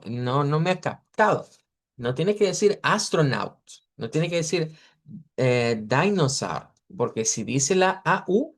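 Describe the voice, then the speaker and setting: Male pronunciation teacher, video call, patient, slow repeated model words, slightly high voice. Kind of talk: online class correcting students.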